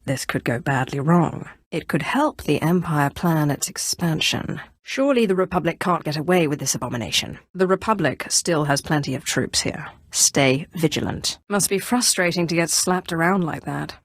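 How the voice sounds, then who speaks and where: A woman's voice: on the low side, dry recording, studio quality. A woman voicing an imperious, sardonic female Sith lord in a video game, speaking with haughty, cool menace. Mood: stern, sardonic. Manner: haughty, coolly threatening, dryly sardonic. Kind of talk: video game character voice acting.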